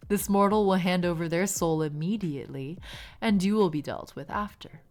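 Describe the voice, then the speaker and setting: A woman's voice: fairly low pitch, moderate pace, a little mellow, lightly acted. Woman reading as a cold, formal reaper enforcer. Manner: stiff, formal, dismissive. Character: cold rule-bound male grim reaper enforcer.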